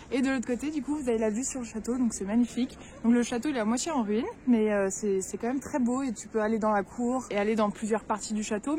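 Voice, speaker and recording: A young travel vlogger with a slightly high, darkish voice wanders a snowy town, visiting its castle and Christmas market and trying the food. She's chatty and filler-heavy, speaking directly to viewers in a casual vlog recorded outdoors with street noise behind her.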